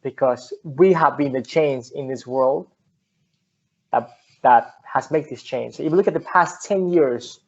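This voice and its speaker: This guest entrepreneur is a young native Finnish speaker from Finland, chatting casually in an interview. His mid-range voice moves at a measured pace over dull-sounding audio, and he speaks earnestly, frequently repeating himself and starting over.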